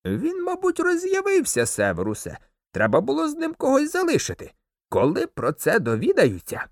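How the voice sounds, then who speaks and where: A man's voice: medium pitch, wildly swooping pitch, normal speed, a little mellow, dry recording, clean studio sound. A man doing a blustering, flustered minister. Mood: worried. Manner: blustering, grumbling. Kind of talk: audiobook character voice.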